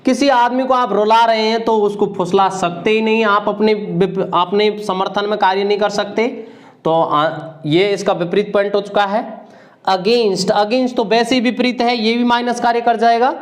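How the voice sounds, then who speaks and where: A man's voice: high voice, steady tone, moderate pace. A man from India teaching an exam-prep vocabulary lesson, repeating each word and its meaning again and again as a drill. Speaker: English teacher.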